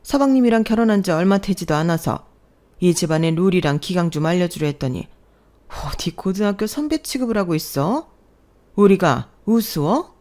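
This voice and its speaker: A woman's voice: on the low side, animated, brisk, warm tone, close to an everyday voice. A woman doing snide mocking sisters-in-law. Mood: sneering. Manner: mocking and sarcastic. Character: sneering older sisters-in-law, condescending and mocking.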